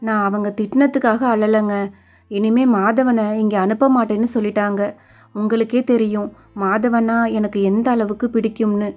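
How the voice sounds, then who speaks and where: A woman voicing a gentle, affectionate young wife in a storybook reading, speaking softly and pleadingly. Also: medium pitch, fairly even intonation, moderate pace, faint music behind, lightly acted.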